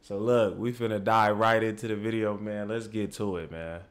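A man's voice: fairly low pitch, steady tone, moderate pace. A young adult man hosting a reaction video, talking casually in slang and tagging lines with "man". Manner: laid-back slang, frequent "man" and "you feel what I'm saying".

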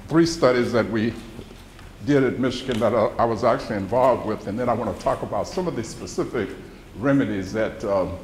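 Older guy, mississippi accent, low voice, folksy talk at a podium, kinda echoey room. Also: a little mellow. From central Mississippi, US. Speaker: guest lecturer, retired pharmacology professor. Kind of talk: informal public lecture with personal recollections. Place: indoor lecture room with seated audience. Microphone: podium microphone. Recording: roomy echo, background noise, live hall.

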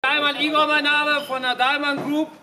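A man's voice: very high-pitched, flat delivery, normal speed, sharp tone, shouting. A man introducing himself informally. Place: outdoors at a gathering. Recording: distant, noisy crowd outdoor recording.

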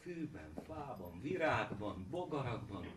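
A man playing a calm, consoling wise wizard on an echoey stage, heard from far off. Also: mid-range voice, noisy background, lightly acted. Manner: calm, consoling, lively intonation. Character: wise gentle great wizard.

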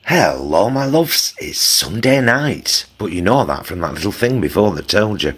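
This middle-aged vlog host with a Northern English accent speaks at a normal speed in a lowish, husky, fairly bright voice with big pitch swings. He chats affectionately and homely about food, calling his audience "loves."

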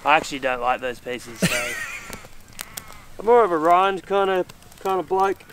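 A man's voice: high-pitched, animated, unhurried. A middle-aged Australian man joking and poking fun at himself at a snowy campsite, laughing often. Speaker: camping companion. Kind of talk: casual banter. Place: snowy bush campsite outdoors. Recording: noisy outdoor camera audio.

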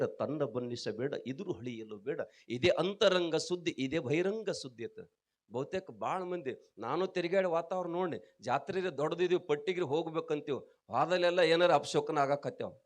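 A man with a North Karnataka Kannada accent giving a sermon as a swami, telling stories with sudden loud outbursts and quiet asides, often asking the audience questions. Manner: dramatic storytelling, swinging between loud raised outbursts and quiet low asides. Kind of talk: sermon to villagers.

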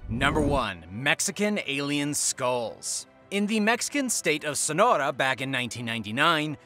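A man's voice: fairly high pitch, very animated, normal speed, pushed and bright, faint music behind. A man narrating a scripted countdown video in a dramatic way, posing teasing questions to the viewer.

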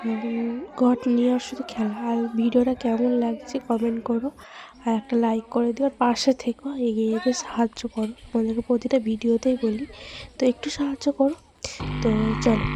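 A woman's voice: a little high, level tone, a little fast, a crowd in the background, rough recording. A woman, chatting casually to her viewers as a home vlogger. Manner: chatty, talks straight to viewers as friends. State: hoarse from a cold. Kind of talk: casual home vlog chat. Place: home indoors.

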